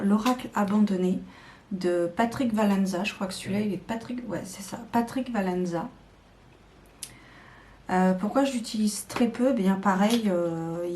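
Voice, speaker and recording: A woman's voice: mid-range voice, a little mellow, a little hiss or hum. A woman showing tarot decks to camera in a casual, hesitant chat full of fillers and restarts. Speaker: tarot video creator.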